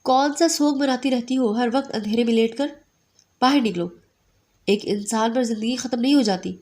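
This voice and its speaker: A woman voicing a calm, determined young man who speaks in a composed way. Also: fairly high pitch, lightly acted. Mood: scolding.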